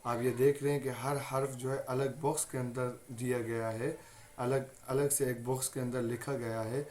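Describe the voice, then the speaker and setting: A man's voice: mid-range voice, flat delivery, moderate pace, a little mellow. A man with a Pakistani Urdu accent teaching a Quran recitation lesson, patiently repeating each point and saying letters aloud as examples.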